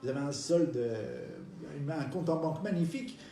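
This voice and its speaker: A man's voice: a little high, animated, moderate pace, mellow, slight background noise, lightly acted. A man voicing a polite, flustered middle-aged banker who stammers and hesitates. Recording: roomy, from a distance.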